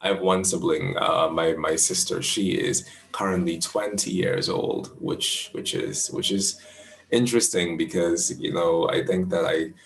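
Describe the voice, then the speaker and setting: A Bahamian man in his twenties, a professional astrologer answering interview questions in a thoughtful, measured way, often restarting his phrases. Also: low-pitched, fairly even intonation, creaky, echoey room. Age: 20s.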